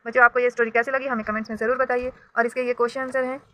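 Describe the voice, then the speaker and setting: A woman teacher reading a story aloud to children and explaining the words clearly. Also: a little high, little pitch movement, rapid-fire, bright, forceful tone, rough recording. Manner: clear, instructive, addresses the children directly.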